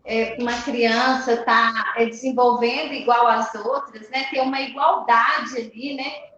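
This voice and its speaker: A woman's voice: fairly high pitch, steady tone, unhurried, a bit bright. A woman hosting an interview, asking conversational questions in a hesitant way as she thinks aloud. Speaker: host. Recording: very echoey, muffled live-stream audio with faint hiss.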